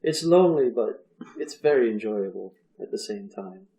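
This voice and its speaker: A man voicing a lonely, friendly old human hermit living in the woods, with gentle, wavering speech. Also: fairly low pitch, lively intonation, normal speed. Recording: roomy echo.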